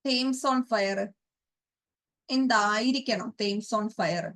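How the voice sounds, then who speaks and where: Teaching English grammar and vocabulary ahead of an exam, a woman with a Malayali accent speaks in a mid-range, slightly bright voice. She regularly puts questions to her students and slowly repeats and spells words for them.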